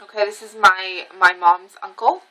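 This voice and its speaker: A vlogger, an Armenian heritage speaker who reads Western Armenian, talks to camera in a dim room at home, a bit tipsy from red wine. Her rambling is casual and emotionally loose, packed with ums. The recording is rough, and her mid-range voice keeps a steady, sharp tone at a moderate pace.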